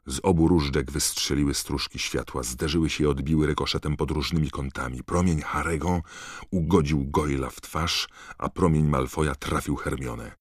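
Very deep-voiced male audiobook narrator. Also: fairly even intonation, no room sound, clean studio sound. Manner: measured, storytelling. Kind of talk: scripted narration.

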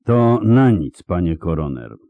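A man voicing a hoarse, proud woman mercenary leader in an audiobook reading, blunt and defiant. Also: deep voice, big pitch swings, measured pace, no echo, narrow, tinny audio, heavily acted.

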